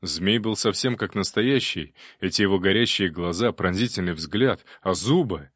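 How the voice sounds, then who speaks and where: A man's voice: low voice, normal speed, fairly bright tone, breathy edge, dry recording. A man voicing a reproachful middle-aged steamship captain who speaks formally and earnestly, in a dry recording. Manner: reproachful, then respectful. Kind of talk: audiobook character voice.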